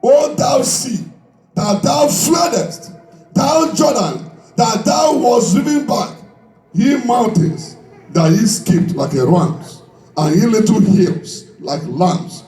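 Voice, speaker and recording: Preaching with fervor in Pentecostal call-and-response style, a man repeats phrases emphatically and urges his congregation to respond. He speaks slowly in a very high-pitched, warm, expressive voice, captured on a distant mic over an echoey hall PA with music in the background.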